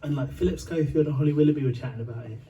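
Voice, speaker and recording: A man from Uganda and Britain rambles through a story between songs, stumbling on fillers and breaking into swears and laughs. His voice sits a little high and mellow, caught from some distance. Faint background noise hums under it. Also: very fast, lo-fi sound.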